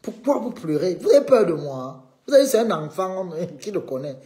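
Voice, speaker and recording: A man's voice: high voice, big pitch swings, fairly quick, mellow, reverberant. A man hosting a live stream, needling a rival and calling on his viewers in a combative way.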